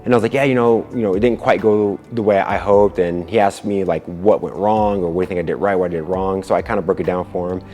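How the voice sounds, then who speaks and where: A kickboxer and video creator speaks casually and earnestly in a very low, warm voice, as if sharing a personal story with viewers. He talks fast in a steady tone with hardly any pauses, often repeating a word or phrase for emphasis. Long reverb trails his words, with music behind him.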